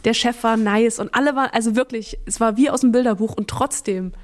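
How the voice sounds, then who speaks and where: A woman's voice: a little high, steady tone, a little fast. Chatty woman presenter talking frankly. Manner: chatty, frank, lots of fillers and slang. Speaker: radio and TV presenter, podcast guest. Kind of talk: casual interview chat.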